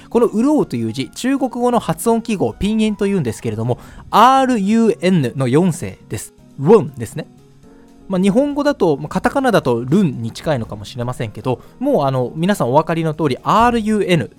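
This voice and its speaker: A man talks through the news in a relaxed, chatty explainer, leaning on fillers as he goes. His voice sits a little high and moves in a very animated way. Faint music plays underneath. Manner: lively, conversational with many fillers. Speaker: news commentator.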